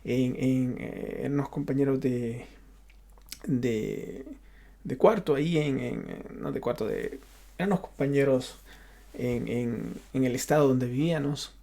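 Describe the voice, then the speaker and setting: Telling his personal story without a script, a pastor from Honduras stumbles and repeats himself as he looks for the right words. He speaks with a Honduran Spanish accent in a medium-pitched, dark-toned voice.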